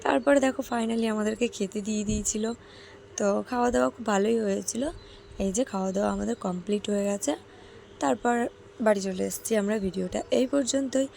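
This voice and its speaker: A woman with a hoarse, gravelly voice narrates her vlog in a chatty way, speaking directly to the people watching. Her tone is dark and mellow, and a faint background noise sits behind her. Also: medium pitch, fast. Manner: chatty, addresses viewers directly. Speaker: vlogger. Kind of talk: casual vlog voice-over narration.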